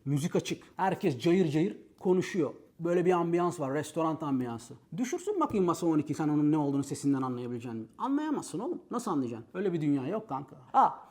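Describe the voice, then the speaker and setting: A man rattles through a comic storytelling monologue at a rapid clip. He is brash and slangy, mocking the people he describes, and he talks in an animated way throughout. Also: fairly high pitch. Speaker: host.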